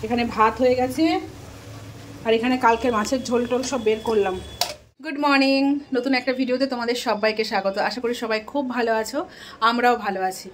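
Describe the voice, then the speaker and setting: Chatty woman vlogging at home, talks quick, slightly high, bit hoarse, faint noise behind. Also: steady tone. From Bengal. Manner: chatty, addresses viewers directly, scolds her daughter. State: throat slightly hoarse lately. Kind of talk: casual home vlog chat. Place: home kitchen and bedroom.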